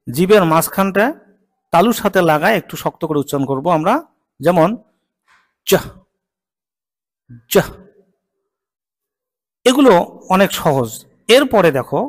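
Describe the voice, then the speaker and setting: A man teaching English consonant sounds in a slow lesson. He says each sound patiently and repeats it several times. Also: high-pitched, in a large hall. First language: Bengali. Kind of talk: slow spoken pronunciation lesson.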